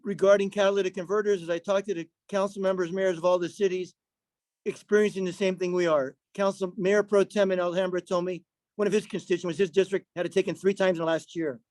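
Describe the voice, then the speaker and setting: A man's voice comes through a remote call that keeps breaking up, pitched high for a man and sounding dry. He gives a councilmember's report to a public meeting. He often repeats himself and stops to ask whether anyone can hear him. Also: little pitch movement, fast talker, darkish tone, no echo, low-quality recording. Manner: repeats himself, checks if he is heard. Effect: remote call audio breaking up. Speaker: city councilmember.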